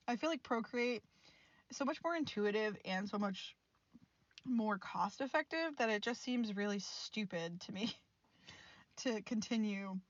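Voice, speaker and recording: A fairly high-pitched woman in her twenties, an art student, delivers a chatty, rambling voice-over for her art footage, frank and mildly exasperated and often laughing. The audio is dull and has no echo.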